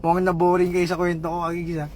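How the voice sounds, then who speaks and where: A man livestreaming, chatting with viewers, giving shoutouts and telling a joke story in a casual, playful way. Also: high voice, monotone, quick pace, slight background noise. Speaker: livestream vlogger.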